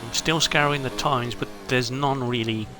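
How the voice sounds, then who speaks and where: Over background music, a man provides live, chatty commentary on an online racing league, cracking wry jokes about the drivers and reading chat messages aloud. His mid-range voice holds a steady tone at a moderate pace.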